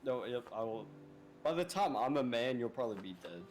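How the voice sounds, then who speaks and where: A man's voice: medium pitch, lively intonation, fairly quick, darkish tone. A teenage boy joking and teasing his friends in a casual chat. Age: teens.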